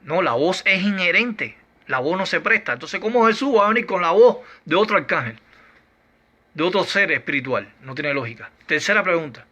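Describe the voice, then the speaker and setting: A man's voice: high-pitched, animated, pushed and bright, highs cut off. Emphatic man arguing Bible doctrine. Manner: argues through numbered rhetorical questions; slow, emphatic delivery with drawn-out words. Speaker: Bible teacher.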